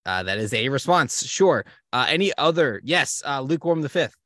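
A man's voice: medium pitch, lively intonation, normal speed, a bit bright, dry recording, studio quality. Wry man moderating a mock debate. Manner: mock-formal, wry, prone to chuckles. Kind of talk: mock-formal comedy podcast moderation.

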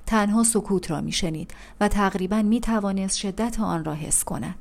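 A woman reads a literary audiobook aloud in a calm, even storytelling manner. Her voice is mid-pitched and steady. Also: creaky. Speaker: audiobook narrator. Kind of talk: scripted audiobook narration.

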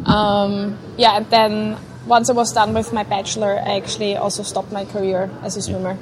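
A woman, a neuroscientist answering interview questions in a hesitant, thoughtful way with many pauses. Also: mid-range voice, level tone, background noise. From Vienna, Austria. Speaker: guest, neuroscientist. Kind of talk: casual interview chat.

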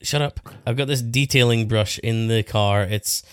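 A man's voice: medium pitch, moderate pace, fairly bright tone, clean tone, dry recording, studio quality. A man, a podcast host chatting casually in a bantering way. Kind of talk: casual chat about car detailing.

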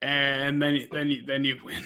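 A man's voice: medium pitch, little pitch movement, a little slow, bright, forceful tone, clean tone. A man hosting a podcast in casual, crude, joking chat with plenty of swearing. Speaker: podcast host.

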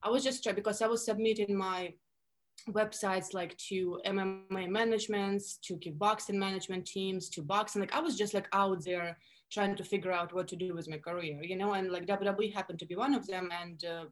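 A woman's voice: mid-range voice, a little fast. A woman in her thirties from Russia with a Russian accent, a guest telling stories in a casual interview with plenty of fillers. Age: 30s. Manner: animated storytelling with many fillers.

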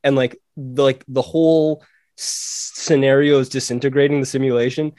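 A man co-hosting a podcast in casual chat, animated and acting out quotes in a raised voice. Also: mid-range voice, moderate pace, no room sound, clean studio sound. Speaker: podcast co-host.

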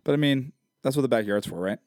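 A man's voice: medium pitch, quick pace, a little mellow, no room sound, studio quality. A married man co-hosting a casual chat, easygoing and asking curious questions.

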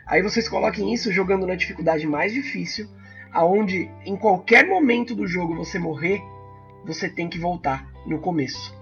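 Dude rambling about games, kinda high voice, gravelly, slightly dull lo-fi sound. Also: male voice. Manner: animated, frequent fillers and restarts. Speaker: podcast co-host. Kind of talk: casual chat about video games.

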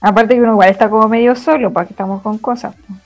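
A woman's voice: a little high, steady tone, racing. A young woman with a Chilean accent, a former missionary, chatting casually and using local slang. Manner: chatty, laughs between phrases, uses slang. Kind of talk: casual chat, telling a story.

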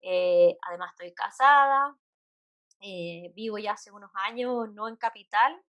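A woman from Chile with a Chilean Spanish accent, a psychologist chatting as a guest, with many fillers and soft laughs. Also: mid-range voice, a little slow, no room sound, lo-fi sound. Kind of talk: casual interview chat.

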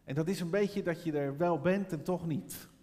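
A middle-aged male pastor preaches a sermon, moving from a personal story into fervent, urgent exhortation. His voice sits fairly high for a man, and a long reverb trails every phrase, as in a large church hall. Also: moderate pace, dark tone.

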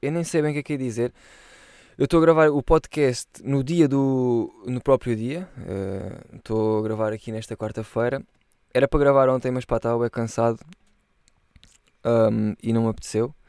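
A man's voice: medium pitch, steady tone, moderate pace, a little mellow, clear, resonant tone, dry recording, studio quality. A young man chatting casually on a solo podcast, rambling in loose slang and swearing freely. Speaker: podcast host.

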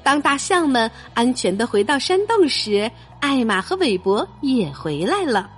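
A woman reading a picture book aloud for children in an expressive storytelling way. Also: on the high side, unhurried, faint music behind.

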